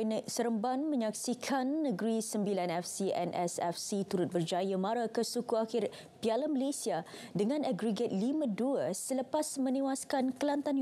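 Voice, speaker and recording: A young woman presenting sports news in a TV studio, reading a script in a steady, formal newsreader delivery. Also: a little high. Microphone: studio mic, seated at desk.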